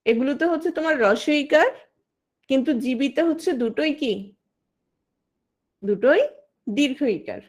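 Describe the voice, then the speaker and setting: A woman, likely in her thirties, leads an exam-prep class in a high, bright voice. She explains rules step by step, throws out questions and then answers them herself. She calls on individual students by name as she goes. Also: lively intonation, normal speed, long pauses. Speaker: teacher. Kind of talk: online exam-prep lesson.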